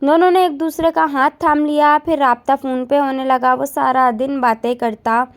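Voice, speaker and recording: Brief: high-pitched female storyteller, measured dramatic reading. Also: steady tone. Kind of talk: emotional story narration.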